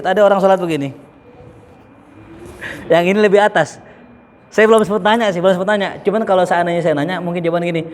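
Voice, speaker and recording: In an echoing mosque hall with faint ambience and slight background noise, a high-voiced Islamic preacher gives a relaxed, humorous lesson. He chats with his listeners and acts out examples as he speaks.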